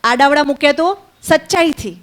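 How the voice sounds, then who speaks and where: A high-pitched woman teaches a group of children, calling out short lines for them to repeat. She tells a story, asking them questions along the way. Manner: slow call-and-repeat blessings, then lively storytelling with questions to the children. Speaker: spiritual teacher at a children's summer camp. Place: indoor camp hall with children.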